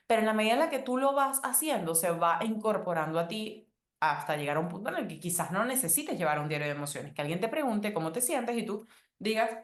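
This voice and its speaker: A woman hosting a casual advice podcast, talking gently and conversationally with frequent fillers. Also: medium pitch. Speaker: podcast host. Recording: roomy echo.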